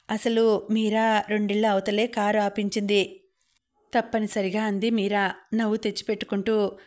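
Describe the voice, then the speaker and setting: A woman reads a story aloud as an audiobook narrator. Her pitch sits in the middle and barely moves, so the narration sounds flat and even. She reads at a steady pace throughout.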